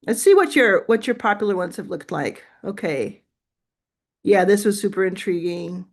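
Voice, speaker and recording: In a mid-range voice with lively intonation and a moderate pace, a woman leads a relaxed live coaching chat on business. She chats encouragingly, sharing feedback and her thought process aloud.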